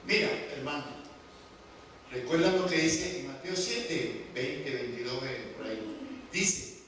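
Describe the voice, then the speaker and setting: A male preacher delivering a sermon, slow and emphatic, asking the congregation rhetorical questions. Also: mid-range voice, a bit bright. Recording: echoey hall, mic from far off, faint background noise.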